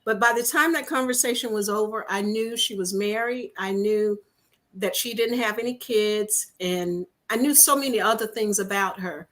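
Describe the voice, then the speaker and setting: A woman, an interview guest, telling a personal story in a lively way and often repeating "I said" as she recounts conversations. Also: medium pitch, moderate pace, low-quality recording. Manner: animated, repeats "I said" as she retells dialogue.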